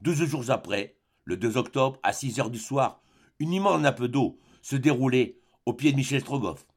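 A man narrating an adventure novel in a measured, dramatic storytelling manner. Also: mid-range voice, lively intonation, husky. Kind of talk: audiobook narration.

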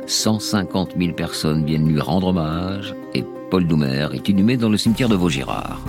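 A man's voice: low voice, expressive, moderate pace. A man narrating a scripted radio documentary as a dramatic story, with emphatic phrasing. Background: music.

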